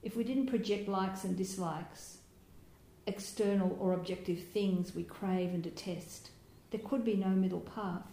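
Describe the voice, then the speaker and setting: A woman giving a Buddhist dharma talk as a meditation teacher, speaking gently and reflectively, with soft laughs and small hesitations. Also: medium pitch, steady tone, unhurried. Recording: roomy hall with faint background noise.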